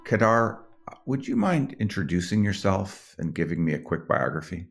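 Deep gravelly male podcast host. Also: expressive, moderate pace, soft background music. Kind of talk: podcast intro and interviewing.

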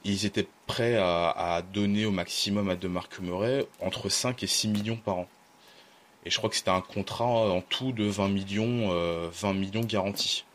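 A man's voice: on the low side, steady tone, moderate pace, a little hiss or hum. A man talking casually on a podcast, thoughtful and hesitant, with many fillers and restarts. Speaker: podcast guest, team fan.

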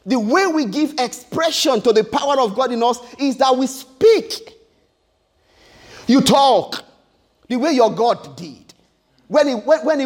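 Male preacher, emphatic sermon delivery, repeats and restarts phrases, very high pitch. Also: a little mellow. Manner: emphatic and repetitive, with stammered restarts.

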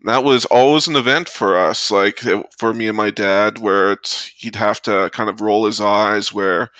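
Man, lowish gravelly voice with bright edge, dry close mic, laid-back chatter. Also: measured pace, no echo. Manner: relaxed, many uh fillers. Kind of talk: casual chat.

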